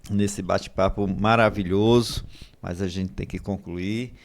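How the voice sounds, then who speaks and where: A man's voice: deep voice, fairly even intonation, measured pace, gravelly. A man hosting a podcast, affirming his guest and wrapping up the conversation in casual chat. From Brazil. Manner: affirming, wraps up with filler "né". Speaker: podcast host.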